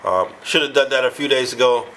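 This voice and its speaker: A man with a stuffed-up nose from being sick, hosting a casual do-it-yourself car vlog. He talks in a slow, low-energy way and wings it as he goes. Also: sharp tone, slight background noise, rough recording. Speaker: car channel host.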